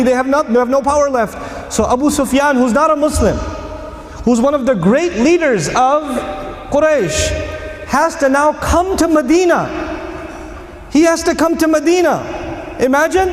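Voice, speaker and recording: A man giving an emphatic, animated Qur'an lecture with storytelling, in a mosque or lecture hall. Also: extremely high pitch. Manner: animated, emphatic, acting out quotes. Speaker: Islamic lecturer. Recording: echoey hall, faint noise.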